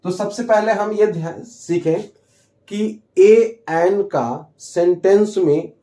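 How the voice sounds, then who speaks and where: A man teaching an English grammar lesson, explaining slowly and deliberately and repeating the key terms. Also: high-pitched, a little mellow. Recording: echoey room.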